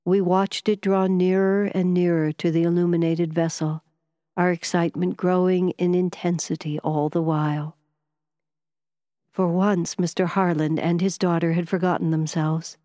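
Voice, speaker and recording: A woman reading a first-person novel aloud in a measured, even storytelling manner. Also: on the low side, no echo, studio quality, long reverb tail. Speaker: audiobook narrator.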